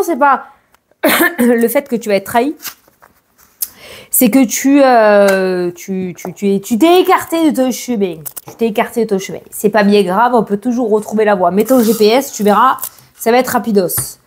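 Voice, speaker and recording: A woman's voice: a little high, expressive, normal speed. A woman doing a casual tarot and oracle card reading, chatting straight to the viewer and often correcting herself mid-sentence.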